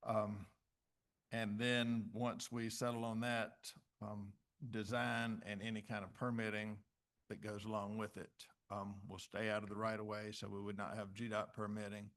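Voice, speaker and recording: A man, a city director, methodically presenting a project report at a public commission meeting with frequent pauses. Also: lowish voice, level tone, fairly bright tone.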